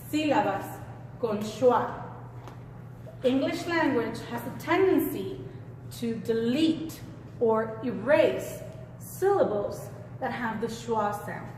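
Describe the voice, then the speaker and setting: High-voiced woman teaching in an echoey classroom. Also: darkish tone, slight background noise. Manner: asks the class questions often, repeats words slowly. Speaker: English teacher. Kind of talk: classroom lesson. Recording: echoey room, faint background ambience.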